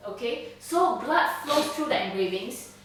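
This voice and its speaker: A woman guides her players through a tabletop scene, casual and chatty. Her slightly high voice echoes strongly in a roomy space, heard from a distance. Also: lively intonation, unhurried, fairly bright tone, slight background noise. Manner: casual, chatty, frequent laughs and "okay?" checks. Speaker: game master. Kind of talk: narrating a tabletop game. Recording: roomy echo, distant mic.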